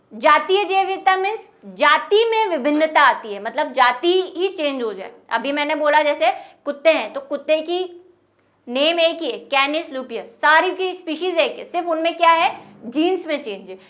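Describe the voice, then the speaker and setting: A young woman with a high, light voice gives a classroom biology lecture. She explains each point patiently and keeps stopping to ask her students rhetorical questions. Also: a bit bright. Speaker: biology teacher.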